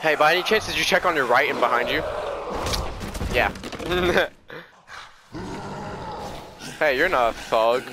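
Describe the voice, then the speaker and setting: A man's voice: mid-range voice, brisk, noisy background. A man giving casual, joking commentary while playing a video game. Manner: laid-back, joking. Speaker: gameplay streamer.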